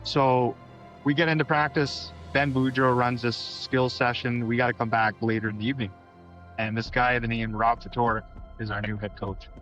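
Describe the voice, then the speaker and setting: A man's voice: mid-range voice, flat delivery, moderate pace, fairly bright tone. A middle-aged man from Manitoba, a former pro hockey player, telling rambling stories in a casual interview, with restarts and bits of acted-out dialogue. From Manitoba, Canada. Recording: slightly dull audio with faint music.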